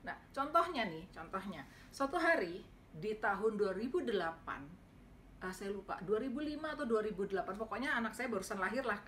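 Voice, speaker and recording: Slight background noise sits behind a middle-aged woman who lectures at a university. She's telling her students a story casually and with animation, voicing the dialogue through abrupt pitch leaps.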